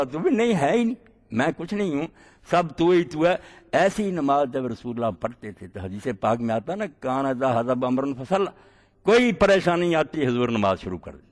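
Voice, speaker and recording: A man delivering a religious sermon, storytelling passion, swinging his pitch widely and reciting verses slowly. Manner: asks listeners short checking questions. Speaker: preacher.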